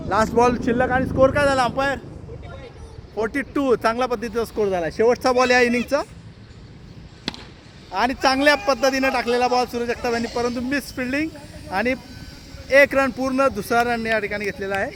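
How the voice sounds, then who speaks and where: High-voiced man doing playful cricket commentary. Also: fairly even intonation, moderate pace, pauses often, fairly bright tone, a little hiss or hum. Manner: playful, announcer-like, upbeat. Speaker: vlogger and match commentator. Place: outdoor cricket ground.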